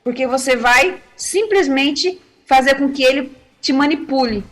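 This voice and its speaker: High-voiced woman telling a parenting story. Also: a little slow. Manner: animated storytelling, acting out quotes, laughing. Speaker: missionary giving family advice on TV.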